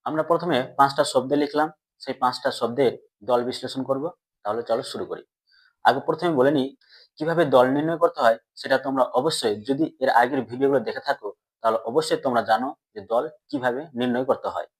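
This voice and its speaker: A man teaching a grammar lesson to students. He asks them questions and answers them himself, and he stretches out words slowly syllable by syllable. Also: mid-range voice. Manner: drawn-out slow syllable-by-syllable pronunciation.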